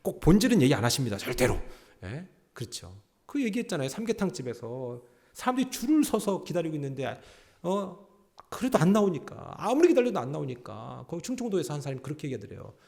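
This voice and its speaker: A male pastor delivering a sermon in a fairly high voice that rises and falls a great deal. He jokes freely and keeps quizzing the congregation. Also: fast, vocal fry. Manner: animated and joking, quizzing the congregation. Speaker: senior pastor.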